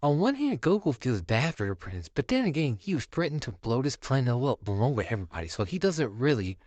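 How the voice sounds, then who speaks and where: A man's voice: mid-range voice, sing-song, a little fast, darkish tone, no echo. A young man casually narrating a fan-made story in a rambling, offhand way. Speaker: YouTube storyteller.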